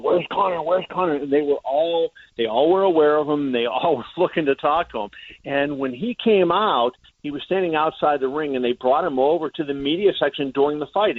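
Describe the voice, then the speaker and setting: A man with a medium-pitched voice, a reporter appearing as a guest on a radio phone-in, tells a long, rambling story packed with "uh" fillers. The sound is dry and tinny, coming through a phone line with no echo.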